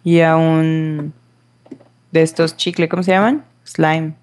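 A woman's voice: low voice, flat delivery, slow, darkish tone. A woman, commenting on her gameplay in a dramatic way and scolding the game creatures. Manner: dramatic, talks to game mobs and sings along. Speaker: gamer.

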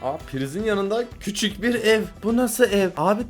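A young man narrates his reactions in a bright, high voice that swings widely in pitch. He exclaims and laughs a lot in casual slang. Soft background music plays under his desk-mic recording. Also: lively intonation, moderate pace. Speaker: reaction video host. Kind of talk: excited casual reaction commentary.

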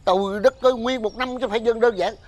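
An actor playing an irritable, superstitious older father, scolding loudly in a TV sitcom. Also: on the high side, big pitch swings, fast talker. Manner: scolding, blustering, loud rants. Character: irritable superstitious old father, Tết-obsessed. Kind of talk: TV sitcom acting.

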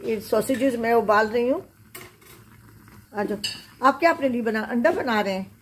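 A woman's voice: fairly high pitch, expressive, normal speed, a little hiss or hum. Chatty older woman in a clattering kitchen. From Pakistan. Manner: chatty, calls to the children while doing housework. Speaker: home cooking vlogger, grandmother. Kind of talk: casual narration while cooking. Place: home kitchen. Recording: kitchen clatter of dishes and cutlery.

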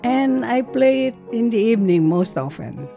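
A woman who lives in a hotel, talking in an interview in a soft-spoken, unhurried way. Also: a little high, very animated, gravelly, faint music behind. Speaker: hotel resident.

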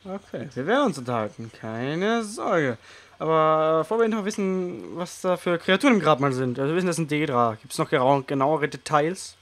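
A man's voice: fairly high pitch, lively intonation, fairly quick, a bit bright. A man giving casual gameplay commentary as a let's player, flippant and sarcastic.

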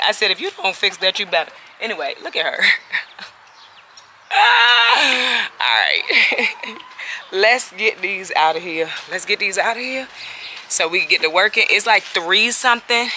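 A woman's voice: mid-range voice, sharp tone, a little hiss or hum. A woman chatting casually to viewers while working in her backyard garden. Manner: chatty, laughing, talks to viewers as y'all. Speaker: urban homesteading vlogger. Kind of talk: casual garden vlog chat.

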